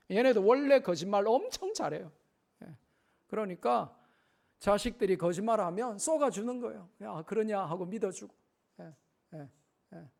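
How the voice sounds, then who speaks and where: Middle-aged man, pastor, revival sermon, emphatic, high voice, gravelly tone, church sanctuary. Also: darkish tone. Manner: emphatic, acts out little dialogues with children.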